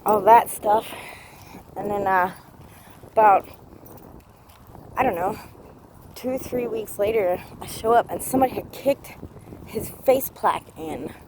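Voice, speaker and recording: A woman's voice: medium pitch, a little mellow, a little hiss or hum. A woman vlogging while walking through a cemetery, ranting heatedly and swearing a lot. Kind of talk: casual walking vlog. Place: outdoors in a cemetery.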